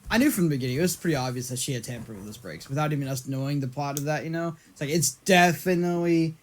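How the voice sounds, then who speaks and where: A man's voice: on the high side, very fast. Rambling, laughing man in casual chat. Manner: rambling, laughs often, animated bursts. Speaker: podcast co-host. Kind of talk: casual movie discussion chat.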